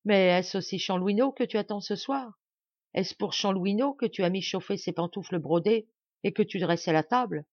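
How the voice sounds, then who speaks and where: A woman's voice: mid-range voice, normal speed, darkish tone, no room sound, lo-fi sound, close to an everyday voice. A woman voicing a cold, iron-willed young noblewoman who mocks and accuses her rival harshly. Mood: relentless.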